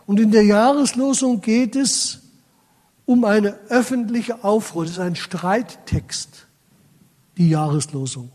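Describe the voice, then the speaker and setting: A man's voice: high-pitched, takes it slowly, darkish tone, in a large hall. A man preaching a sermon, speaking straight to his congregation and reading scripture aloud with dramatic weight. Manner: addresses the congregation directly, quotes scripture dramatically.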